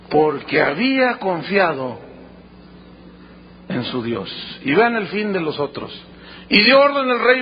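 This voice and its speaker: A man's voice: sits high, lo-fi sound, slight background noise. A male pastor with a Mexican accent preaching a sermon, telling a Bible story with dramatic quoted dialogue and playful asides. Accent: Mexican Spanish.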